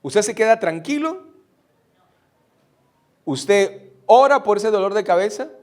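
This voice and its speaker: A man's voice: sits high, lively intonation, takes it slowly, darkish tone. A middle-aged man preaching a sermon, putting rhetorical questions to his congregation. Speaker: pastor.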